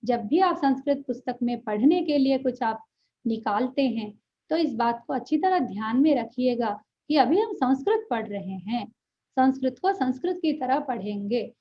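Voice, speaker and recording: A woman with a high voice gives an earnest online language lesson. She keeps checking in with her listeners and stretches syllables slowly to show the right pronunciation. The audio is dull and lo-fi. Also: lively intonation. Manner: earnest, checks in often with "ठीक है", drawn-out pronunciation demonstrations. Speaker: Sanskrit teacher.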